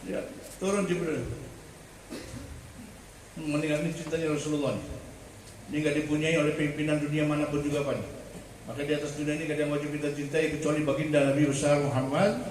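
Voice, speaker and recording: A man delivers a humorous sermon in a high voice, bantering with the congregation. His voice rings through a heavily echoing mosque and reaches the mic from a distance, over steady crowd noise. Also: brisk, pauses often. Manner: bantering with the congregation, swinging from loud fervor to hushed storytelling. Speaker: preacher.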